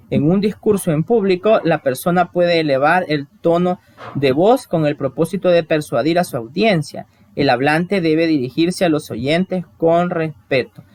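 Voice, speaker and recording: A male teacher talks through a recorded online lesson, walking students through each step. His voice sits a little high for a man. The sound is dry and close, with no room echo. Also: darkish tone. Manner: explains step by step and asks the class questions.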